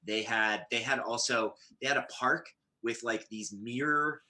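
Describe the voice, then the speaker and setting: A man co-hosting a live chat show, talking in a rambling, halting way with many restarts. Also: medium pitch, pushed and bright. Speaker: co-host. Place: Los Angeles area.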